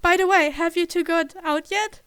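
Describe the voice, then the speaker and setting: A woman's voice: very high-pitched, steady tone, moderate pace, fairly bright tone, no echo. A woman reading a teenage boy's lines in a fan audiobook; cheeky and teasing. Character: brash teenage boy, goofy prankster.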